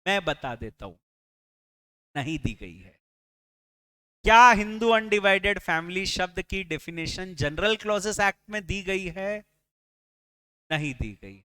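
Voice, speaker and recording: A male tax lecturer with an Indian English accent, speaking in a high, bright and crisp voice. He talks at an unhurried pace, walking the class through each point and putting questions to them. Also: lively intonation. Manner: explains step by step, asking the class questions; mixes English phrases into his speech.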